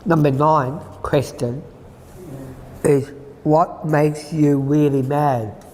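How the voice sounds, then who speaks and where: Male host, unhurried, plain halting phrasing, echoey room with faint hiss. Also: a little high, steady tone, darkish tone. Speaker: host of an eating challenge. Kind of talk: casual chat.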